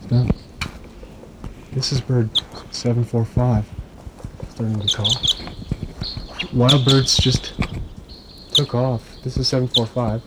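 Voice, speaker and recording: A man quietly dictating clipped field observations into a recorder outdoors at a forest clearing at dawn, ending each entry with "stop". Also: medium pitch, flat delivery, slow, pauses often, very noisy. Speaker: field researcher logging bird activity.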